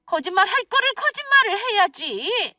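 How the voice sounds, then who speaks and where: A woman voicing a shrill, scolding older mother-in-law in a radio story, with a nagging, accusing manner. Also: sing-song, normal speed, bright, forceful tone, no echo, studio quality, distant mic, faint music behind, full character voice. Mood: furious. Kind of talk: scripted radio story acting.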